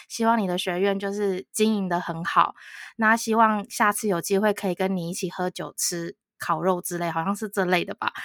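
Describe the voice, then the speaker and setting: A woman tells a story on a podcast. She is animated, often laughs, and quotes other people as she goes. Her voice sits mid-range and the recording is dry, with little room sound. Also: medium pitch, no room sound. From Taiwan. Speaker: podcast co-host. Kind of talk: casual storytelling chat.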